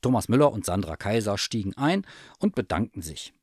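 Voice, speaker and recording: A man narrating a children's story aloud in an animated reading voice. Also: fairly low pitch, fairly quick, slightly rough, dry recording, clean studio sound.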